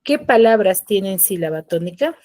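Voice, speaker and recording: A woman's voice: medium pitch, animated, normal speed, darkish tone, no room sound, low-quality recording. A woman teacher, lecturing in an online class, explaining patiently, repeating key terms and checking that the students follow. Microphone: computer mic on a video call.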